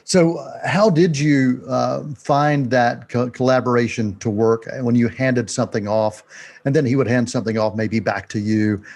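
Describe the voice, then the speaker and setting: A middle-aged man hosting a video call interview, asking long measured questions from a home office studio mic. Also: medium pitch, fairly even intonation, vocal fry, a little mellow. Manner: measured questions with many uh fillers. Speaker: interview host.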